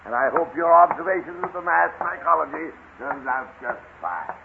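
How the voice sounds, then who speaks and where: A gravelly bossy boss. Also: male voice, on the high side, lively intonation, a little hiss or hum. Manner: brisk, commanding. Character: bossy businessman giving orders. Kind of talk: 1940s radio acting. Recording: tinny old radio broadcast.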